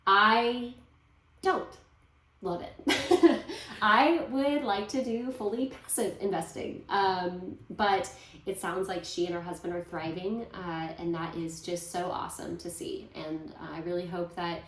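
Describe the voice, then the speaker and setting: A woman's voice: fairly low pitch, steady tone, unhurried. A woman co-hosting an investing podcast, chatting casually and playfully. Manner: chatty, playful, self-aware. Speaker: podcast co-host. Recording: roomy echo.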